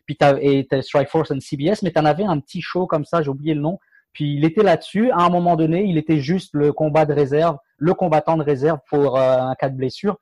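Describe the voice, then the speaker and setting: A man chatting casually about fighting sports as a podcast co-host, halting with many fillers and restarts. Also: fairly high pitch, steady tone, a little mellow, no room sound.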